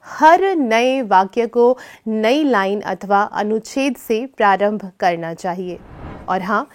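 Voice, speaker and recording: A woman giving a scripted lecture on radio scriptwriting, speaking in a measured, deliberate way and varying her delivery to demonstrate. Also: medium pitch.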